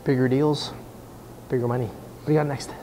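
Background music and noise sit under this indoor camera recording, made in what sounds like a mall or coffee-shop atrium. A man in his forties, medium-pitched and fairly quick with fairly even intonation, answers business questions in a casual, blunt chat, restarting his sentences often.

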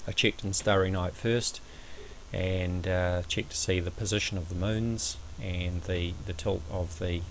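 A man giving a measured, somewhat hesitant step-by-step explanatory commentary over a screen recording, as an amateur astronomy presenter. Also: sits low, steady tone, a little hiss or hum.

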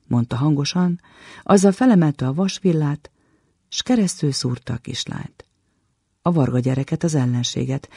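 Gravelly-voiced man reading a story aloud. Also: mid-range voice, warm tone, dry recording, studio quality. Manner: measured, dramatic storytelling with pauses. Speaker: literature program presenter reading a short story. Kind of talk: dramatic literary reading.

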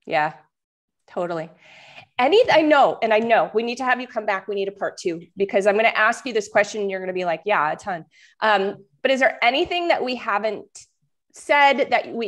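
A woman's voice: medium pitch, lively intonation, fairly quick. Upbeat woman podcast co-host. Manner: upbeat, encouraging. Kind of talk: casual podcast chat.

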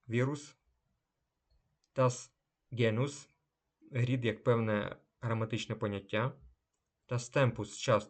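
A man teaching a German vocabulary lesson at a slow, deliberate pace. His pitch is ordinary and even. He stresses each example word more loudly before he calls out its translation. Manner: reads each German word louder, then gives the translation.

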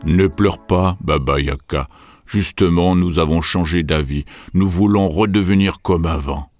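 A man voicing a calm, fatherly male hippo in a children's storybook. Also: low voice, measured pace, dry recording, clean studio sound, faint music behind, voice pushed down. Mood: gentle.

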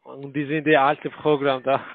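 A man who is not a native German speaker, talking haltingly on a phone call with many filler sounds and broken grammar. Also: medium pitch, level tone, dry recording. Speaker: scam call center agent. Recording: tinny dry phone line.

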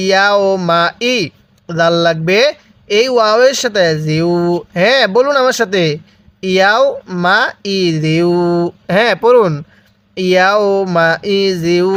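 A man with a Bangladeshi Bengali accent teaching Quran reading, slowly spelling out letters and vowel marks one at a time and having the listener repeat after him. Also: high-pitched, a bit bright, dry recording. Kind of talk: slow spelled-out recitation lesson.

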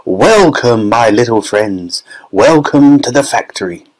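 Male reader as quick little storybook factory owner, fluty, effusive, fussy, full of exclamations. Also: medium pitch, lively intonation, a little mellow, rough recording. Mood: welcoming.

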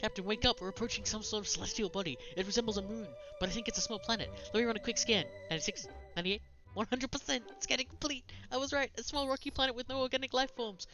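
A woman voicing a gentle, helpful female ship's care robot in a game, calm and polite as she reports scans and warns of danger. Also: medium pitch, highs cut off, natural voice. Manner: polite, calm, reassuring announcements. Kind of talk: game voice-over.

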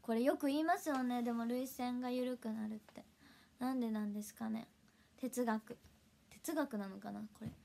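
A young woman with a hosting a casual idol livestream, chatty and giggly, sometimes dropping into soft whispers. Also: on the high side, fairly even intonation, normal speed, vocal fry.

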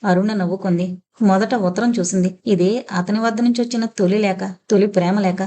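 A woman narrating an audio novel in a steady storytelling manner. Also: mid-range voice, fairly quick. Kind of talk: scripted narration.

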